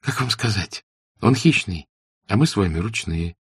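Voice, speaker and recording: A reserved, observant young woman speaks softly and earnestly in a storybook reading, as a male narrator lifts his husky voice to play her. The sound is dry and close. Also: on the low side, animated, normal speed, dry recording, pitched above the performer's own voice. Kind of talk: audiobook character reading.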